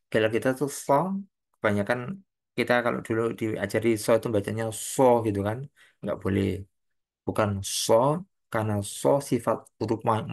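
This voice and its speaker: A man giving an online Quran commentary lesson, explaining patiently, asking rhetorical questions and reciting Arabic phrases. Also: lowish voice. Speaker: Quran tafsir teacher. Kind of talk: online religious lecture. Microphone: online lecture mic.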